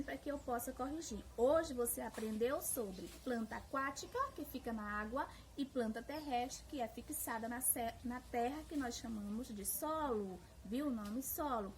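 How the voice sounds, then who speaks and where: A Brazilian woman teacher talks young children through a lesson in a high, sing-song voice, drawing out each syllable with patience. She sits back from the mic in a roomy, echoing space. A faint hiss runs under her voice. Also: distant mic. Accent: Brazilian Portuguese.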